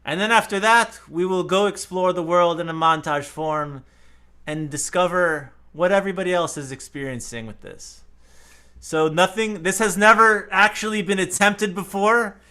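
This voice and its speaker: A man hosting an improv comedy show, explaining the next game in a jokey, animated way. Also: high voice, normal speed, clean tone.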